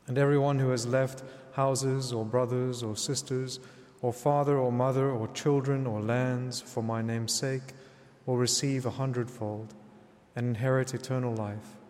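A man, a priest, reads the gospel aloud and then gives a homily in a measured teaching manner, often checking in with "right?". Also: mid-range voice, a little mellow, big-room sound.

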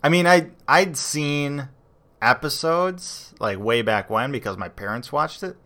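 A man co-hosting a podcast in casual chat, relaxed and rambling, with frequent fillers and restarts. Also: on the high side, a little slow. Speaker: podcast co-host.

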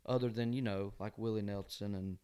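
Clear, twangy Georgia man chatting. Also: fairly low pitch, fairly even intonation, fairly quick, dark tone. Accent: Southern US, Georgia. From Georgia, USA. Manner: folksy, often ends phrases with "man". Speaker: country singer-songwriter guest. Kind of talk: casual interview chat.

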